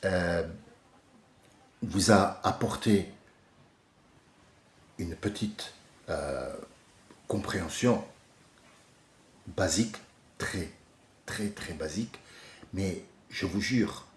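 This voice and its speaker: A man giving an informal religious commentary, passionate and digressive, swinging from soft musing to loud ranting. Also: deep voice, extremely slow, pauses often, echoey room, a little hiss or hum. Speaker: religious speaker.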